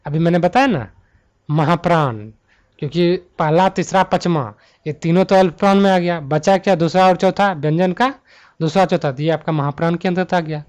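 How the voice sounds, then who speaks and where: A man teaching a Hindi grammar exam-prep lesson, talking students through multiple-choice answers and slowing down to list letters one by one. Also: fairly high pitch, steady tone, a little mellow. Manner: slows to spell out letter lists one by one.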